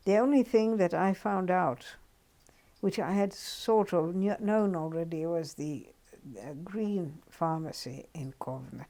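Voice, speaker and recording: Telling her story in an oral history interview, an older Finnish woman speaks with a Finnish accent, unhurried and reflective, pausing often. Her pitch is fairly low and her tone dark.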